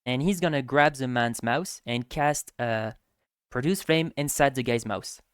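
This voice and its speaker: A man's voice: mid-range voice, unhurried, clean tone, no echo, studio quality. A man playing in a tabletop game, chatting casually as he rambles through what his character does. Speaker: player.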